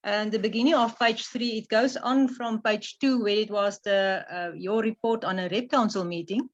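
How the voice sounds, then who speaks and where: A woman's voice: mid-range voice, fairly even intonation, normal speed. A woman taking part in a meeting, politely and tentatively explaining her suggestions. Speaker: meeting participant. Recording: dull lo-fi online meeting audio.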